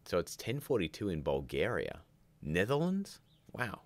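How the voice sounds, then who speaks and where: Deep-voiced man chatting on a livestream. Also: moderate pace, a bit bright, dry recording. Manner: rambling, chatty, reads out viewer comments. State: groggy morning voice. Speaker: livestream host. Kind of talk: casual livestream chat.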